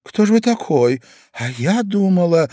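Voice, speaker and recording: A hysterical young lady from a storybook, wailing shrilly at the top of her voice, as a male reader puts her on. The pitch swings high and wide in a close, dry recording. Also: sing-song, a little slow, warm tone, no room sound. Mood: shrieking.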